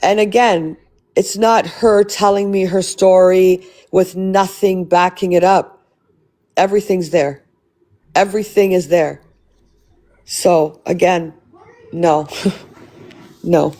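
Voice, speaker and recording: A woman hosting a livestream rants angrily with plenty of swearing, often repeating and restarting her words. Her voice is low and mellow with fairly even intonation, and she speaks slowly with frequent pauses.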